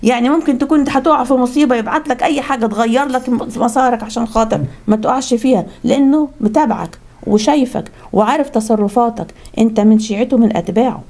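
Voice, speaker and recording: Egyptian woman preaching, talks real fast, mellow soft tone. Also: a little high. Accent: Egyptian Arabic. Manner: fast, conversational, frequent restarts. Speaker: religious speaker. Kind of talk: religious talk with storytelling.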